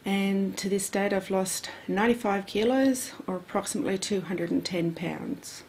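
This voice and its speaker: A woman's voice: medium pitch, steady tone, normal speed, a little mellow, slight background noise, rough recording. Woman in her forties, testimonial. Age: 40s. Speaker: testimonial speaker.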